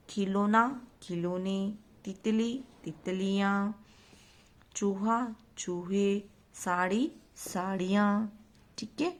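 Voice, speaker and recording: Woman teacher, patient and repetitive, asks and answers her own questions. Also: mid-range voice. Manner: mixes English words into her Hindi. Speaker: school teacher. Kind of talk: recorded online grammar lesson for young children.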